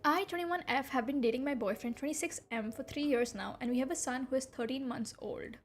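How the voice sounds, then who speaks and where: Over soft background music, a young woman streaming as a VTuber reads posts from the internet aloud at a brisk pace in a high voice. Hindi is her first language, and she reacts animatedly with disbelief, frequent laughter, and blunt swearing.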